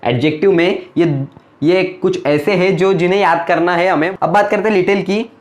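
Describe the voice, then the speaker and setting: This muffled recording captures a young man teaching grammar at a board. His voice is fairly high and his pace normal, and he patiently explains, asking questions only to answer them himself.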